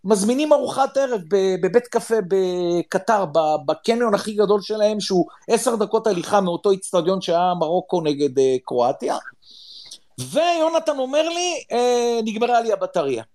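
A middle-aged man from Israel telling a story with drama, often urging his listeners to listen well. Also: high-pitched. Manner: excitable, dramatic, swears, repeats "listen well". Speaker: podcast panelist. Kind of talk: animated storytelling.

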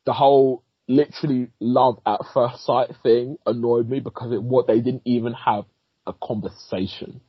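A podcast co-host and film critic with a husky, medium-pitched voice rambles through a movie recap at normal speed, animated, laughing and swearing freely in casual chat. The sound is dry and slightly dull with no echo, like a lo-fi home recording.

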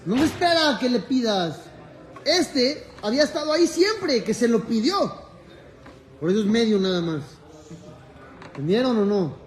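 High-voiced rabbi guy telling stories to a class, really animated, echoey room. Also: unhurried, pauses often. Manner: animated, jokes with the audience, acts out dialogue. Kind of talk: lively classroom storytelling lesson.

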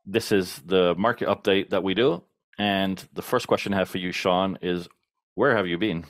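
A man's voice: low voice, steady tone, moderate pace, no room sound, clean studio sound. A man hosting a conversational market update interview, putting questions to his guest. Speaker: interviewer, host.

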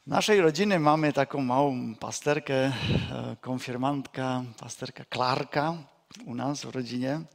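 A man preaching a sermon as a pastor, slow and deliberate, repeating key phrases and dropping to a quiet, low voice for emphasis, with touches of folksy storytelling. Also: creaky.

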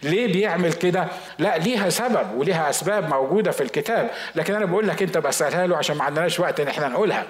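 A fast-talking pastor with an Egyptian Arabic accent and a fairly high voice, preaching a sermon. He talks conversationally and keeps putting rhetorical questions to his congregation. His voice echoes around a roomy church hall. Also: animated.

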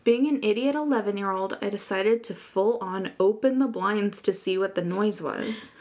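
A woman's voice: mid-range voice, normal speed, darkish tone. A woman hosting a podcast, reading out listener stories in an informal way with amused asides.

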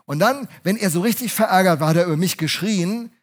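A man delivers a sermon in a slightly raised, husky voice. He addresses his congregation head-on, pressing some phrases loudly and letting others fall to a soft hush. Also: sits high, brisk. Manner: emphatic, swings between loud urging and hushed soft phrases; speaks directly to the congregation. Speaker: preacher.

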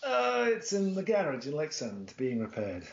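A man's voice: on the high side, wildly swooping pitch, moderate pace, muffled recording, pitched above the performer's own voice. A man voicing a playful older brother who teases and jokes. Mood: teasing. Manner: wry, teasing.

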